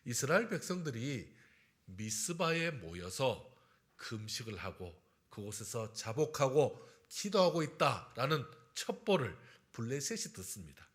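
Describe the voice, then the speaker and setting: A male pastor giving a Sunday sermon and prayer in a church, preaching emphatically and swinging from loud calls to hushed, slowed phrases. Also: mid-range voice, very animated. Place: church sanctuary.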